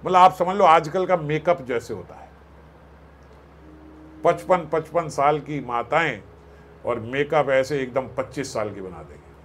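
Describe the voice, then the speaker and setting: A man telling a devotional katha as a sermon, animated, acting out voices and joking with listeners. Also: a little high, unhurried, pauses often, slight background noise. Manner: animated, acts out voices and jokes with the audience. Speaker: katha storyteller.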